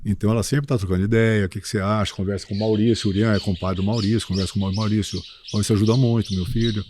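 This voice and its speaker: A man in his sixties, a farm business owner, talking casually in an interview as a lively storyteller who keeps checking in with his listener. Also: lowish voice, racing, background noise. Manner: lively storyteller, often tags "entendeu" and "cara".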